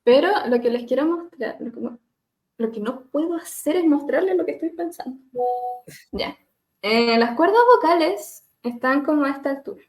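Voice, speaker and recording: A woman speech therapist leading a webinar on voice care, gently demonstrating hums and glides over a video call and laughing at herself now and then. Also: high-pitched, expressive, moderate pace. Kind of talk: live webinar lesson on vocal exercises.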